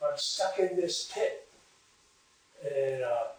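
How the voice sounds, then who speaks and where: A man's voice: on the high side, takes it slowly, slight background noise. A man voicing a panicked, trapped man who begs frantically for help. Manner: frantic pleading, raised voice. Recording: very echoey room, far from mic.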